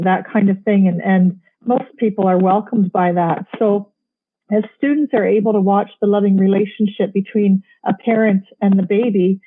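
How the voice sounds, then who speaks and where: A woman speaking for a program, giving explanatory interview answers with small restarts. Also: mid-range voice. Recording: tinny phone-like line.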